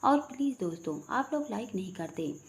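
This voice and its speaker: A woman narrating a family story aloud for her channel and speaking earnestly and warmly to her listeners. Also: mid-range voice, sing-song, normal speed.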